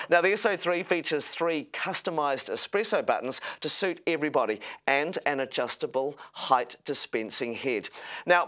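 A man's voice: a little high, fairly bright tone. A man in his thirties presenting as an upbeat home shopping host, explaining a product step by step in sales patter. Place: TV studio kitchen set, indoors.

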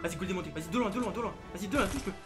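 A young man with a French accent, a gaming YouTuber talking fast, teasing and yelling as he plays beside his little brother. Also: high voice, over loud music. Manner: hyper, yelling, teasing, repeats himself. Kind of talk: excited gaming vlog with sibling.

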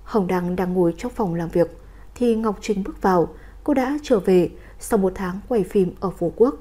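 A woman narrates an audiobook story in a smooth, even storytelling way. Her voice is mellow and soft-edged, sitting at a middle pitch. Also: normal speed.

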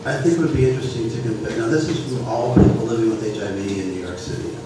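A man's voice: fairly low pitch, fast talker. A man on a council asking a hesitant question from the floor. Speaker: council member. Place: large meeting room. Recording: echoey room from far off, noisy.

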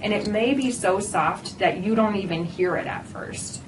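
A woman's voice: medium pitch, normal speed, heavy background noise. A woman audiologist guiding a patient through a device switch-on, upbeat and reassuring. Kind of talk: clinical fitting session. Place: small clinic room.

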